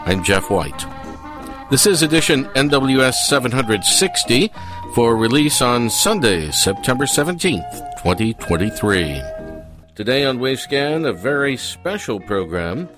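A man's voice: mid-range voice, big pitch swings, unhurried. A man hosting a radio programme with scripted narration. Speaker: host. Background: music.

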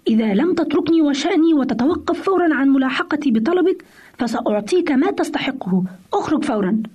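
A woman's voice: on the high side, lively intonation, fast, warm tone, breathy edge. A woman voicing a tired, irritable father who snaps at his son in a curt, impatient way.

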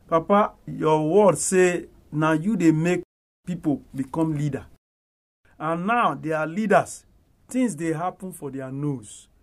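A male pastor with a Nigerian accent, praying aloud in Nigerian Pidgin. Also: fairly high pitch.

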